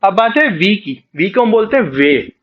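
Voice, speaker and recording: A man with a high, animated voice talks beginners through a language lesson one step at a time, moving between Hindi and English. He slows down to sound out each letter clearly. The recording is dull and lo-fi. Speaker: Spanish teacher.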